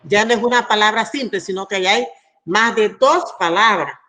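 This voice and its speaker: A woman's voice: mid-range voice, moderate pace, sharp tone. A woman teacher giving a class online, explaining rules patiently and checking in with her students. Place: school in Santiago.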